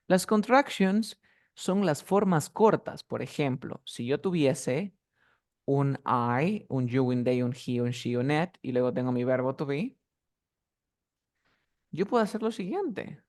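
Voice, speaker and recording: A man's voice: mid-range voice, expressive, unhurried, a little mellow. Patient male teacher drilling words. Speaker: English teacher. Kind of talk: online class instruction.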